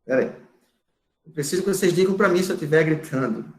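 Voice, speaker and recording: Male instructor, high, forceful lecturing voice, echoey room. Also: quick pace. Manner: loud, emphatic, repeats words for stress. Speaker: course instructor. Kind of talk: lecture to a class.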